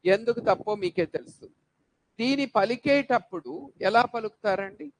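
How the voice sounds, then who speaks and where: A man's voice: sits high, moderate pace, rough recording. A man teaching an English grammar lesson, asking questions and answering them himself and drilling word sounds one by one. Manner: poses rhetorical questions then answers them; drills words by repeating sounds. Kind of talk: classroom-style grammar lesson.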